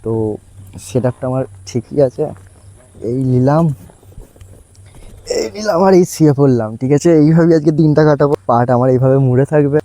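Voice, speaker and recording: Lying on a parked motorbike outside at night, a young man chats to his viewers, calling them guys, in a casual vlog filmed on a close-held phone. His medium-pitched voice is warm and brisk, with frequent pauses.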